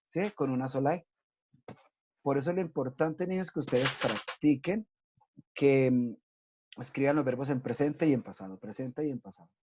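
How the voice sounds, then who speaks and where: A man with a medium-pitched, slightly mellow voice teaches English to children in a recorded online class, patiently going step by step and often checking in with "¿listo?". The dull, lo-fi recording carries a little hiss or hum.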